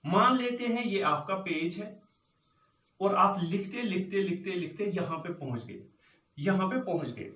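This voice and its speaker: A man explains punctuation at an unhurried pace, going over each word more than once. His voice sits high, and the room carries a noticeable echo. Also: a bit bright, far from the mic. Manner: slow, repeats words, mixes English and Hindi. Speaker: teacher. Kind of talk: classroom lesson on punctuation. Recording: echoey room, voice from off-mic.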